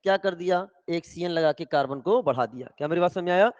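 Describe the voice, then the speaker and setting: A man teaching chemistry in a lively lecture, often asking whether students follow and telling stories, in an echoey hall with dull sound. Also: on the high side, fast talker. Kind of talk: classroom lecture with storytelling.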